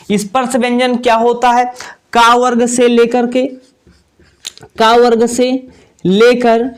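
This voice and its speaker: A man teaching an exam-prep lesson at a whiteboard, asking questions and answering them himself, repeating key points. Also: sits high. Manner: repetitive, asks and answers own questions.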